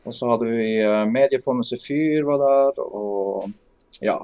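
A man with a Northern Norwegian accent talks casually as an interview guest. His voice sits at a medium pitch with plenty of gravelly creak. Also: mellow. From Northern Norway. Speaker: podcast guest, game developer.

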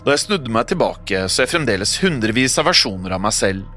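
A man's voice: mid-range voice, very animated. A man reading a first-person horror story aloud, telling it expressively. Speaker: narrator. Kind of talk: scripted horror narration. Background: soft music.

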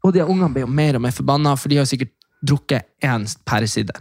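Gravelly young man, animated. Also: mid-range voice, dry recording, studio quality. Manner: animated, acts out quoted voices loudly; swears a lot, fast rambling. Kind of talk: casual storytelling chat.

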